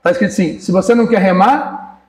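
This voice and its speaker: A man preaches a relaxed, joking sermon, breaking into small acted-out dialogues and calling on people in the pews by name. His voice sits fairly high for a man. The sound carries the echo of a church hall. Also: fast, far from the mic. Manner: jokey, acts out little dialogues, talks to the congregation by name. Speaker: pastor. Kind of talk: casual sermon.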